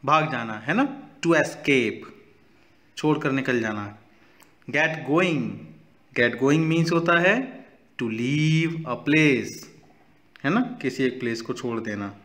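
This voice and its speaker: A man's voice: mid-range voice, fairly bright tone. A male teacher with an Indian accent, walking students through a textbook exercise and repeating each word aloud. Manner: slow, repeats words aloud, switches between English and Hindi.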